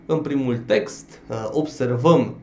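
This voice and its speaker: A man's voice: medium pitch, echoey room, highs cut off. A male language teacher giving an exam-prep grammar lesson, explaining step by step and often checking in with a questioning "da?". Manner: addresses students warmly as "dragilor".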